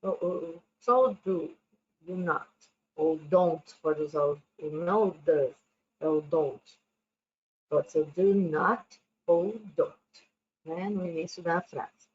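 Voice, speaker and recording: Woman, English teacher, patient explanations, slow careful delivery, dull lo-fi recording. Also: on the low side. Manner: explains patiently, checking in with frequent "né?"; reads English examples slowly and carefully. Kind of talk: recorded classroom lesson. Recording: dull lo-fi recording with faint background noise.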